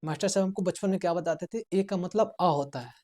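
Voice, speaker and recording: A man's voice: high-pitched, fast, a little mellow. Man teaching, quizzing and repeating. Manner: asks the class questions and answers them himself, repeating key words; urges students to write things down. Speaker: spoken English teacher. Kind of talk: classroom lesson in Hindi.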